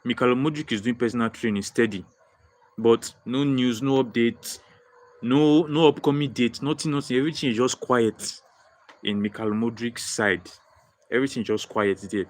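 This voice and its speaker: Speaking at a moderate pace in a mid-range voice, this young Nigerian football livestream host, with a Nigerian accent, responds to viewer comments with excitement, repeating his points and frequently starting over.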